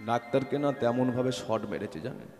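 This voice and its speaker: A man telling a devotional story during a kirtan performance, animated and speaking directly to the audience. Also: mid-range voice, brisk. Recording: echoey hall with faint music.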